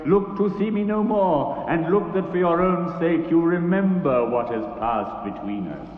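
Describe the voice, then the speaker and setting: An actor playing a grave, foreboding ghost with formal, declamatory delivery in an old radio drama. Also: male voice, fairly high pitch, expressive, narrow, tinny audio, a little hiss or hum. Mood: grave warning. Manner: slow-burning, declamatory, formal. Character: solemn, unearthly male ghost, grave and foreboding. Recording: thin vintage radio, long echoing reverb.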